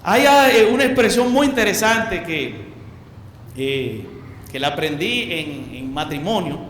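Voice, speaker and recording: High-voiced man preaching in an echoey hall. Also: expressive, a little slow, a bit bright. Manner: emphatic, repeats key words for stress; asks the audience questions. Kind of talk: preaching talk to a congregation. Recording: echoey hall with faint background noise.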